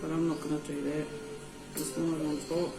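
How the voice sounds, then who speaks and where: In a deep, flat, brisk voice, a woman with a New Zealand Māori accent runs a laid-back cooking lesson, presenting her recipe with Māori words woven in. Background music and a roomy echo fill out the recording.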